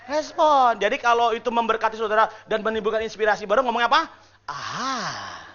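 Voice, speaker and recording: A man preaching a sermon to his church in a casual, lively way, acting out the congregation's responses and joking with them. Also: very high-pitched, fast talker, dull audio. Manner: lively, acts out congregation responses and mimics whispered prayers. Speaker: pastor. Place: church service.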